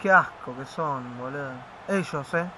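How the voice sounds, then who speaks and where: A young man with an Argentine accent, commenting excitedly on a football video game with friends, teasing and swearing. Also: mid-range voice, measured pace, crowd noise. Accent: Argentine Spanish. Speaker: gaming youtuber. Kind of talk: casual gaming commentary with friends.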